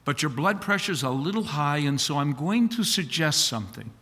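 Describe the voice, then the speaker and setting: Man reads a calm, frank doctor; bright tone, long hall reverb. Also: a little high, normal speed. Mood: advising.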